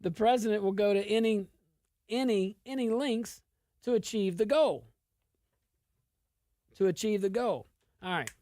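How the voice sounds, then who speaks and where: A woman's voice: on the high side, darkish tone, no room sound, clean studio sound. A woman with an Arkansas Southern accent giving informal political commentary, emphatic and repeating phrases for stress.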